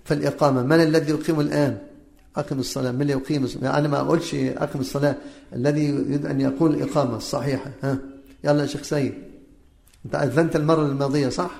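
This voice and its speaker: Religious teacher, slightly high voice, quizzes the class with repeated questions, chants examples, roomy echo. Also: male voice, steady tone, very fast, creaky, darkish tone. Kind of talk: religious lesson on the call to prayer.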